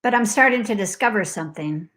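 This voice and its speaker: Bright, animated middle-aged woman telling a story. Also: medium pitch, fast talker. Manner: animated, acts out alarms and shouted outbursts, laughs often; talks in loose fragments with many likes. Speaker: host. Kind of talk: casual personal storytelling.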